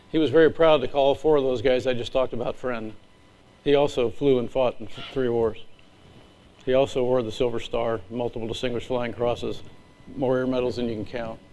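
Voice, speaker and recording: A middle-aged man, an Air Force leader, gives an earnest, emotional speech from slides with measured pauses. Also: medium pitch, darkish tone, poor audio.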